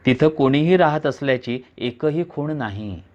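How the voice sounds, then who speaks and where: A man's voice: a little high, lively intonation, moderate pace, a little mellow. A man giving a dramatic reading of a thriller, narrating suspensefully in the second person. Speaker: reader. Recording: dull lo-fi recording.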